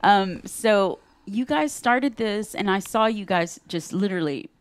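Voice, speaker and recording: A woman's voice: mid-range voice, expressive, slight background noise. Upbeat woman hosting a radio chat. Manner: upbeat, chatty, quick to laugh. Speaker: radio show host. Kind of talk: casual radio interview. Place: radio studio.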